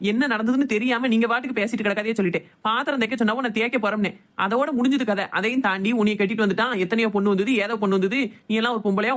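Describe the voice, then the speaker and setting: A woman voicing a sharp-tongued young daughter-in-law in a cartoon, with a Thoothukudi Tamil accent, firing back quick retorts. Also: on the high side, close to an everyday voice. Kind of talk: cartoon voice acting.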